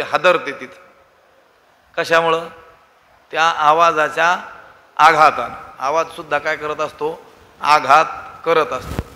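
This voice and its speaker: A man with a slightly high, ringing bright voice preaches a devotional sermon. He asks rhetorical questions and hammers single words with sudden loud stress. A long hall reverb trails each phrase. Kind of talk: devotional scripture discourse.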